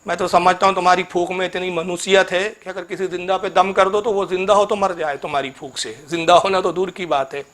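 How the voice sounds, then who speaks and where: A man's voice: sits high, steady tone, fairly quick, few pauses, a bit bright. A man giving a polemical religious lecture, reproachfully addressing his opponent and chanting Arabic verses. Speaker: Islamic cleric.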